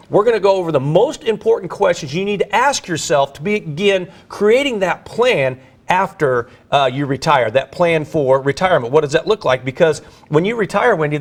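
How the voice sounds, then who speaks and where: A man hosting a financial advice show, coaching viewers on retirement planning in an earnest, conversational way. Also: fairly high pitch.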